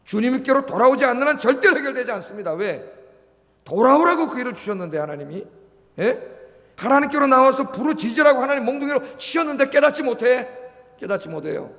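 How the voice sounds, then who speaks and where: Male pastor, sermon, high pitched, exhorting, rhetorical questions, reverberant sanctuary. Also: big pitch swings, fast, fairly bright tone. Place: church sanctuary. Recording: long hall reverb.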